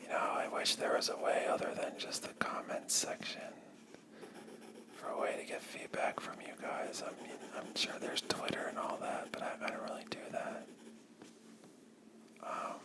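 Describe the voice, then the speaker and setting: A YouTuber whispering softly and slowly into a close microphone while chatting through a coloring session, with pauses and drifting thoughts. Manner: soft unvoiced whisper, slow and drifting. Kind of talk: whispered ASMR coloring chat.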